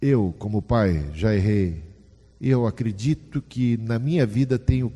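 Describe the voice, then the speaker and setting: A man's voice: medium pitch, creaky, mellow, slightly rough, in a large hall. A man preaching a sermon in a conversational way, often asking the congregation questions. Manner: conversational, asks the audience questions.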